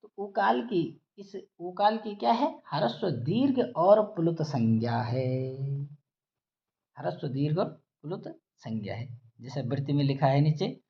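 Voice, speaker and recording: A male Sanskrit grammar teacher giving a slow lecture, chanting rules and then explaining them, and stretching vowels out to show their length. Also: fairly high pitch, vocal fry. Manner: drawls out vowels to demonstrate length. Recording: dull lo-fi audio.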